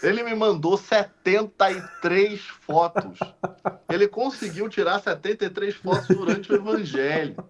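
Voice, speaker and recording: With slight background noise and muffled lo-fi quality, the recording captures a podcast guest, a deacon whose native language is Portuguese, telling a story in a high, unhurried voice. He animatedly performs the dialogue and keeps starting over.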